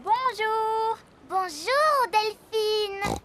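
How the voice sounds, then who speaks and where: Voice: very high voice, drawn-out words, heavily acted. A performer voicing a cheerful, curious little girl pig in a children's cartoon. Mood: excited. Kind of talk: French cartoon dub acting.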